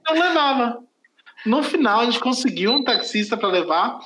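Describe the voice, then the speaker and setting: A Brazilian man with a notably high voice tells a story on a casual podcast. He rambles, trips over his words and corrects himself as he goes. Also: lively intonation, measured pace, bright, forceful tone, roomy sound, poor audio. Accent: Brazilian Portuguese. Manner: rambling, self-correcting, laughs at own story. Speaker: podcast host.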